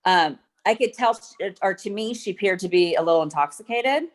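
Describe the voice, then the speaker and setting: A woman's voice: medium pitch, lively intonation, a little fast. A middle-aged woman giving courtroom testimony, hesitant and full of ums as she retells events step by step. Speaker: witness.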